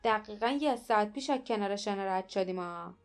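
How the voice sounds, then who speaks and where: A woman's voice: mid-range voice, clean tone, faint music behind, lightly acted. A woman voicing a brutal male guard who barks threats. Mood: menacing. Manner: loud, menacing.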